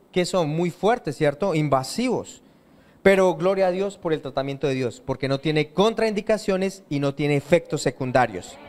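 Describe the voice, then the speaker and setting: A man preaching a sermon in a church, asking the congregation questions and answering them himself. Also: high-pitched. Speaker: pastor.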